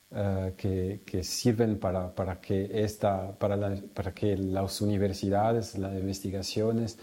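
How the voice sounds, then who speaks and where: A man from Italy, a researcher, explaining his work hesitantly, pausing often and searching for words. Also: fairly low pitch, dark tone. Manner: hesitant, many fillers and restarts, searching for words. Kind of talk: explanatory talk.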